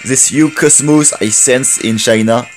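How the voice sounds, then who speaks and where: French guy reading a brash young hero warrior, slow careful english, french accent. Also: medium pitch, soft background music, natural voice. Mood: earnest.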